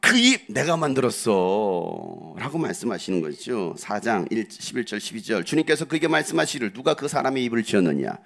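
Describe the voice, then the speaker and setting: A man's voice: medium pitch, very animated, fast, vocal fry, few pauses. A male pastor preaching a sermon, with joking asides and rhetorical questions to the congregation.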